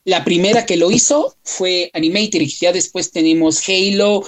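A woman's voice: fairly low pitch, moderate pace. A woman giving casual commentary in conversation, leaning on emphatic repeated words. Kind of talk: casual film and fandom commentary.

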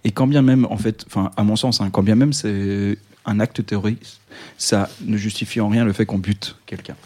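A man from France with a lowish, dark and mellow voice, co-hosting a casual talk radio show. He talks in loose, halting phrases, full of fillers and restarts. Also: fairly even intonation. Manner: hesitant, many fillers and restarts. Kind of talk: casual political discussion.

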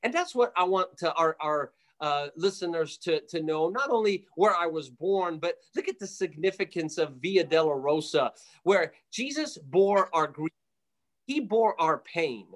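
A man from Jerusalem, of Armenian family, preaches fervently while appearing as a guest in a conversational radio interview. His voice sits on the high side and sounds animated, moving a little slowly as he exhorts listeners emphatically, hammering points home through repeated phrases.

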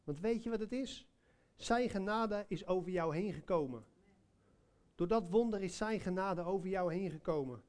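A man's voice: high-pitched, animated, moderate pace, darkish tone. A man preaching a sermon, telling a personal story in a conversational way, with many hesitations and direct questions to listeners.

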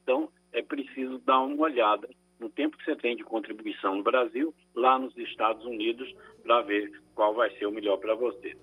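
A man, a lawyer on a Brazilian radio call-in show, answering listener questions in a measured, explanatory way with frequent tag questions. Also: medium pitch, breathy edge, phone-quality sound. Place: radio studio.

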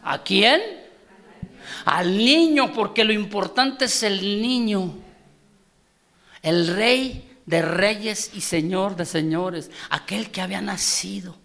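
A man's voice: sits high, takes it slowly, vocal fry, a bit bright. A man preaching a sermon, emphatic, calling out questions to the congregation. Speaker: guest preacher.

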